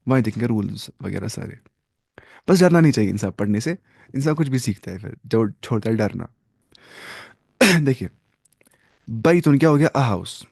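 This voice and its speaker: A man's voice: mid-range voice, a little mellow, dry recording, studio quality. A man teaching an Arabic grammar lesson, who asks questions and answers them himself, mixes in English terms, and encourages his students. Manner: reassuring, encouraging tone.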